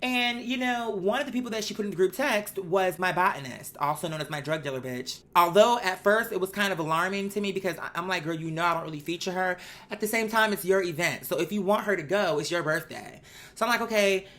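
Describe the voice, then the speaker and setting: A bright-ish, medium-pitched voice moves fast as the host spins a story in a relaxed monologue recorded on a microphone in a bedroom. The manner is candid and sassy, with plenty of profanity and emphasis.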